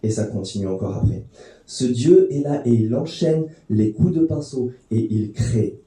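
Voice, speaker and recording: A man preaches a sermon in a dark, mellow voice, talking through the text in an easy, conversational way with the odd filler and restart. The sound rings around a very echoey church hall, and he stands some distance from the microphone. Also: medium pitch, expressive, unhurried. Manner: conversational teaching with fillers and restarts, addressing the congregation.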